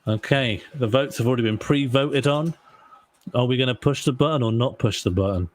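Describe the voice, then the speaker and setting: A man's voice: medium pitch, a little fast. A man running an improvised role-play game, talking in a mild, rambling, placating way as an in-character assistant. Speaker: game master, voicing the mayor's assistant.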